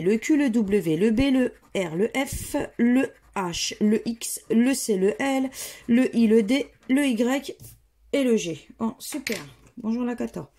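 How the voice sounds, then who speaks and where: A woman's voice: on the high side, dark tone. A woman with a French accent casually commenting as she scratches lottery tickets, reading letters out one by one in a murmur. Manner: slow, murmured, reads letters aloud one by one. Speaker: scratch-card vlogger.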